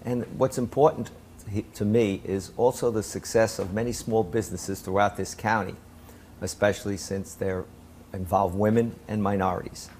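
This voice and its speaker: An older man hosting a local cable talk show from a small studio, speaking in a formal, measured way with frequent "uh" fillers. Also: on the low side, steady tone, a little mellow, slight background noise.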